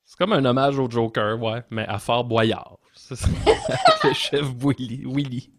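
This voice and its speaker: A man's voice: medium pitch, wildly swooping pitch, measured pace, a little hiss or hum. A man with a Quebec accent chatting casually and presenting clips as a show co-host, amused and hesitant. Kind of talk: casual chat.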